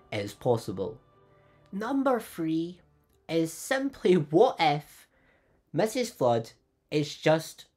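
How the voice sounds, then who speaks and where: Here a man with a cold hosts his own channel, offering fan theory commentary in a bright, chatty manner. His voice keeps lifting upward in pitch as he talks.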